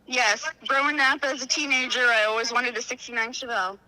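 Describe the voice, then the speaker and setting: A woman's voice: fairly high pitch, fairly quick. A woman from Iowa on a phone call, overwhelmed and crying with joy, exclaiming over and over. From Iowa, USA. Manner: overwhelmed and excitable, exclaiming often. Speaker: prize winner on the phone.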